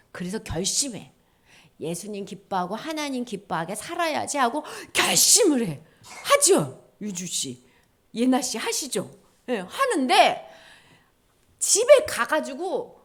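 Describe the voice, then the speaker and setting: A woman giving a children's sermon at church, telling the story with animated voices and dramatic shifts. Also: mid-range voice.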